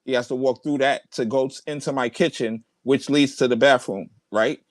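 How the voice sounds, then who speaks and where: A man's voice: mid-range voice, steady tone, normal speed, no echo. A man in a heated online debate, arguing emphatically and swearing as he repeats his points. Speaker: debate participant. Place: large room at home.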